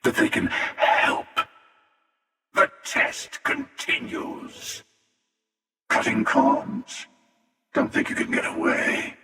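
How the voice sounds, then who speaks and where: An actor playing a menacing, arrogant, world-weary hunter villain in a video game, with a gravelly voice and a deliberate, sardonic delivery. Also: male voice, very high voice, huge pitch swings, bright, forceful tone, soft background music, full character voice. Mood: grim, world-weary. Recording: echoey, long reverb, distant.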